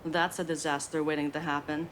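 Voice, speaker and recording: A woman's voice: low-pitched, little pitch movement, a little fast, a little hiss or hum, lightly acted, poor audio. A woman playing a curt, distrustful female assistant in a mystery video game, dry and disdainful. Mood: grudging, scornful.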